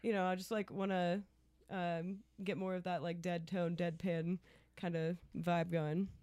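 A woman's voice: fairly low pitch, flat delivery, measured pace, a little mellow, clean tone, no room sound. A woman chatting casually as a guest on a comedy podcast. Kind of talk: casual chat.

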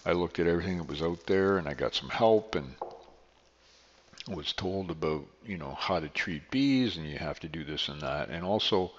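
A man's voice: sits low, animated, normal speed. An older man hosting his podcast in a rambling, self-correcting way, his voice carrying a heavy echo like a canyon. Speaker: podcast host and beekeeper. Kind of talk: casual solo podcast talk. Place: unfamiliar studio room. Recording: long echoing reverb, dull lo-fi sound.

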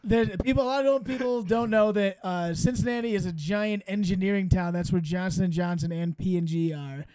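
A man's voice: high-pitched, fairly quick, few pauses, darkish tone, smooth, no echo. A man co-hosting a podcast, joking around in casual, profane banter. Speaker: podcast co-host.

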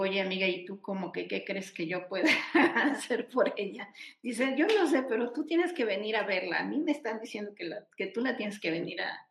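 Woman, mid-pitched, casual storyteller who acts out quoted dialogue, recorded in a roomy, echoey space. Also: gravelly. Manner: lively retelling with acted-out quoted dialogue and frequent restarts. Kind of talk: casual spoken storytelling in a live chat. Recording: echoey room.

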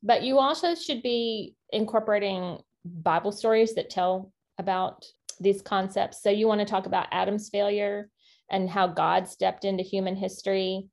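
A woman co-hosting a casual faith-based parenting podcast, talking in an earnest, encouraging way with quick asides. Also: mid-range voice, darkish tone. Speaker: podcast co-host.

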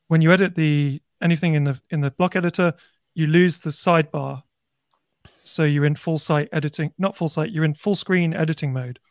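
Man, Birmingham accent, a bit higher pitched, dry close sound, casual panel talk. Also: fairly even intonation, a little fast, no room sound. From Birmingham, England. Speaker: podcast panelist.

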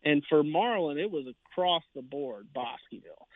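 A man's voice: a little high, lively intonation, normal speed, no room sound. Man on a tinny phone line. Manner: rambling, heavy with fillers and restarts. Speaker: sports writer guest. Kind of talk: casual sports talk.

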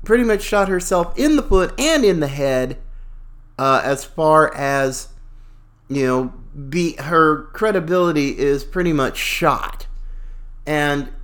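A man's voice: on the high side, slow pace, fairly bright tone. A man hosting a talk show with casual, folksy, opinionated and slangy political commentary.

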